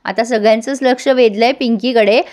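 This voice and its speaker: A woman's voice: on the high side, steady tone, a little fast, a little mellow. A woman giving a casual, chatty episode recap who keeps addressing her viewers directly. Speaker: TV serial reviewer.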